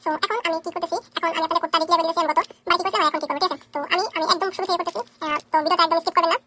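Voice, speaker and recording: Rapid-fire woman coding tutor. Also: very high voice, fairly even intonation, pushed and bright, a little hiss or hum. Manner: rapid, keeps checking in with "okay?". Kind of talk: screen-recorded coding tutorial.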